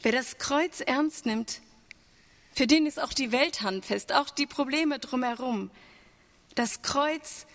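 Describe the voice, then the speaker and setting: A woman's voice: sits high, a bit bright. A woman preaching an Easter sermon, earnest, asking the congregation rhetorical questions. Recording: long church reverb.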